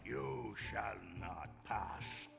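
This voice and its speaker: A zealous guardian creature from a video game. The voice is heavily gravelly and slow, declaiming with menace over clear background music. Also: male voice, on the low side, exaggerated voice. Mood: menacing. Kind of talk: dramatic video game acting.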